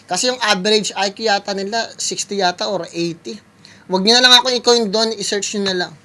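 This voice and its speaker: A man's voice: sits high, fairly quick, sharp tone. A man giving casual, rambling reaction commentary, talking directly to his viewers with many fillers. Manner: rambling, full of fillers, keeps addressing viewers as guys. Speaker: music producer reacting to a video. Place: California.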